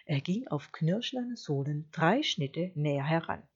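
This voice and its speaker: A woman reading a children's story aloud in a slow, expressive storytelling manner. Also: low voice, slightly rough, highs cut off. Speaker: narrator.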